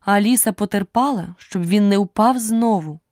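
A woman narrating an audiobook with a lively, expressive storytelling manner. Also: medium pitch, moderate pace, no echo, studio quality. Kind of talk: scripted narration.

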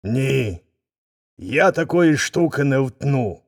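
A man's voice: mid-range voice, animated, slow pace. A man voicing a cowed, frightened lion. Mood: scared, gloomy. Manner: gloomy, whispering in fear. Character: humbled, frightened male lion. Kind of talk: folk tale reading.

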